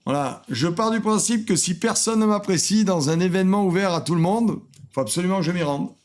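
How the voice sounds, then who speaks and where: A man hosting a casual reaction commentary, sarcastic and self-mocking, often trailing off into quiet muttered asides. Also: sits high, fairly quick. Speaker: host reacting to cooking videos.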